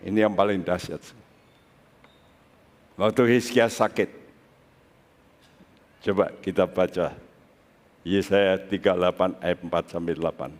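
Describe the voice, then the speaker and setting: A male pastor preaching a sermon in a relaxed, conversational way that breaks into excited high bursts. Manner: slow, conversational preaching with sudden excited rises. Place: church sanctuary. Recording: long reverb of a large hall.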